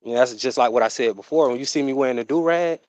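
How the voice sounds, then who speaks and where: A man's voice: mid-range voice, darkish tone, dry recording, rough recording. A man, chatting casually on his livestream in a rambling way, full of fillers. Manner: rambling, drawn-out, full of fillers and "you know what I'm saying". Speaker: livestream host.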